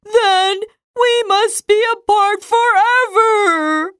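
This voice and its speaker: A woman voicing an anxious, melodramatic male elephant with a cold, sneezing and halting as she reads a storybook aloud. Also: very high voice, fairly bright tone, no room sound, clean studio sound, heavily acted. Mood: melodramatic farewell. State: sneezing, stuffy.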